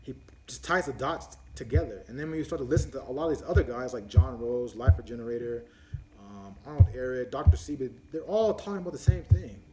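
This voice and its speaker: A man's voice: mid-range voice, lively intonation, fairly quick, background noise. Rambling man hosting a live Q&A. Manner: rambling, with many fillers and restarts; answers viewer questions as they come in. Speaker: host of a live viewer Q&A. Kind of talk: casual live-stream chat.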